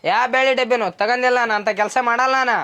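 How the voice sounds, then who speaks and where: A man's voice: extremely high pitch, steady tone, fast, sharp tone, clear, resonant tone. A young man playing a wheedling, defensive younger brother. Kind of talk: village short-film acting.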